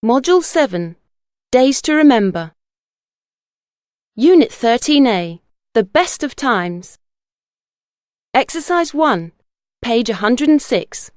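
A woman's voice: on the high side, very animated, darkish tone, no echo, studio quality. A woman reading exercise titles and page numbers for an English textbook audio disc. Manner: clear, measured announcing. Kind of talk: scripted narration.

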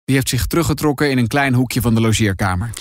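A man narrating a children's adventure audiobook in an expressive storytelling manner. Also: mid-range voice, quick pace. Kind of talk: scripted narration.

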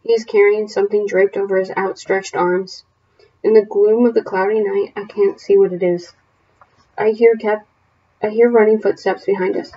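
Reading a novel to her class before assigning homework questions, a woman teacher keeps a steady, plain delivery and corrects herself slightly now and then. She has a medium-pitched voice at a moderate pace, captured in lo-fi sound.

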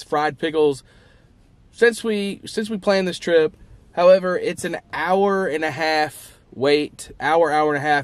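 A young man, chatting casually to camera in a travel vlog, upbeat and full of fillers. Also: a little high. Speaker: vlogger.

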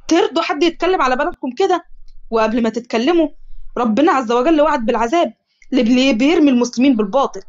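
A woman with an Egyptian accent voicing an indignant young husband who loudly defends his wife. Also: high-pitched, highs cut off, close to an everyday voice. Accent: Egyptian Arabic. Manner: loud, indignant preaching.

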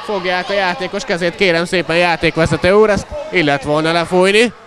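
A man giving excited live sports commentary in an animated way, exclaiming and calling out players' names. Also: high-pitched. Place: indoor school sports hall during a match. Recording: noisy echoing crowd, live match sound. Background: loud crowd and bouncing ball.

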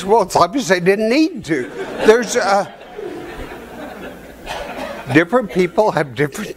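Older man telling folksy seminar stories. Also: high-pitched. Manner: folksy, storytelling, chuckles at his own stories. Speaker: seminar presenter. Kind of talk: conference talk with anecdotes. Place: hotel conference room with seated audience.

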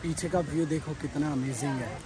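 The recording is very noisy as a young male travel vlogger treks through a forest, enthusiastically chatting to the phone camera he holds at arm's length while walking. He talks a little fast in a slightly high voice.

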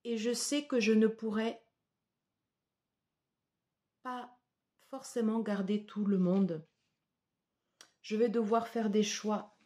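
A woman giving a tarot reading to her viewers, slow and hesitant with many fillers. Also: medium pitch, fairly even intonation, dark tone. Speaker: tarot reader.

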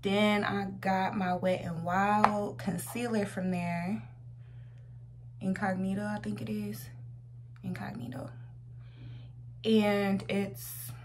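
Young american woman doing casual vlog talk, slangy n sweary, normal pitch, hummy background. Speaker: beginner makeup vlogger. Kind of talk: casual chat, makeup tutorial. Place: small room at home, indoors. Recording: noisy home recording with hum.

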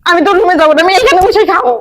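An actress playing a hungry, childlike homeless madwoman who begs insistently for food, in a whiny, shrill voice. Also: expressive, very fast, a bit bright. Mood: pleading. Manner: begging insistently.

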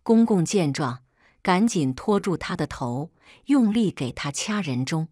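Low steady woman telling a story. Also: unhurried, dry recording, studio quality. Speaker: story narrator. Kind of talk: first-person scripted story narration.

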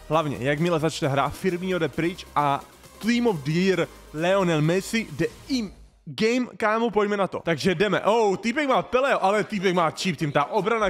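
Excitable gaming streamer man. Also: high-pitched. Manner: slangy, calls viewers "bro" constantly; bursts into loud sing-song shouts when excited. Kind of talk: excited gameplay commentary.

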